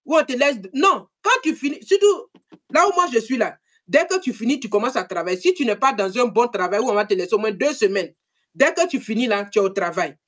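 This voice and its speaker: Sex: woman. Role: live-stream host. Pitch: fairly high. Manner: animated, repeats words, speaks straight to viewers. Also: brisk. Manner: animated, repetitive, addresses viewers directly. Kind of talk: casual live-stream chat.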